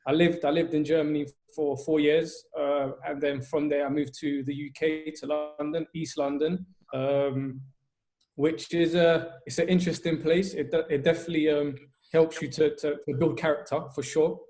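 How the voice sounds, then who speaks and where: A young man in his twenties, originally from Albania, recounts his path into coaching on a video call. His voice sits a little high and barely rises or falls. He talks earnestly, filling gaps with hesitations and restarting phrases. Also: level tone, moderate pace, darkish tone. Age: 20s. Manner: earnest, many fillers and restarts. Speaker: football coach.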